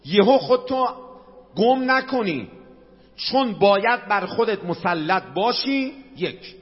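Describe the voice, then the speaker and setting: A man's voice: sits high, lively intonation. A middle-aged man from Qom with a Qom Persian accent preaching a sermon, passionate, asking rhetorical questions and quoting Arabic. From Qom, Iran. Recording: dull lo-fi sound with long hall reverb.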